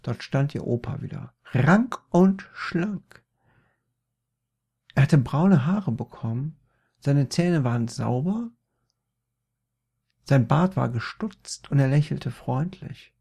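Slow gravelly male storyteller. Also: medium pitch, animated, warm tone. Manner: playful, with slips and self-corrections. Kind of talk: improvised spooky story narration.

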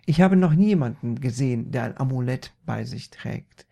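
A dim-witted grown man whines and complains in a raised, high voice, as a male storyteller acts him out. His delivery is indignant and easily wounded, with a rough, gravelly grain under the complaints. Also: expressive, moderate pace. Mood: wailing. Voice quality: whiny, high and loud. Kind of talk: comic storytelling.

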